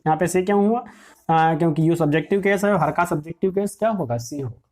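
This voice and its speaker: A woman's voice: fairly low pitch, quick pace, darkish tone. A woman teaching a grammar lesson who dictates example sentences word by word and asks her class questions, then answers them herself.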